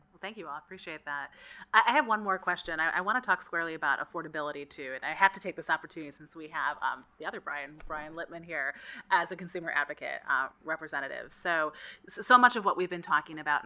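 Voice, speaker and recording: A woman moderating a policy panel, asking questions in a quick, organized way. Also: deep voice, pushed and bright.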